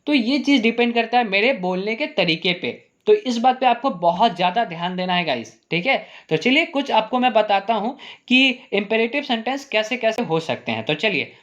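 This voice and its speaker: A male English teacher explaining grammar, asking the class rhetorical questions and repeating "ठीक है?" while saying example sentences slowly. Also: high-pitched, lively intonation, a bit bright, dull audio.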